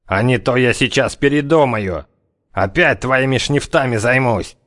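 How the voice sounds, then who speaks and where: A man voicing a cocky, menacing gangster who threatens in slow, drawling criminal slang. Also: medium pitch, fairly bright tone, pitched above the performer's own voice, natural voice. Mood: mocking. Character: tough one-eyed-gouging gangster, cocky, menacing.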